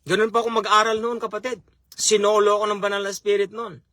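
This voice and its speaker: A man's voice: high voice, level tone, fast, bright, forceful tone, dry recording. A man preaching a sermon as a chaplain, speaking earnestly, repeating key phrases and often calling his listeners brothers and sisters.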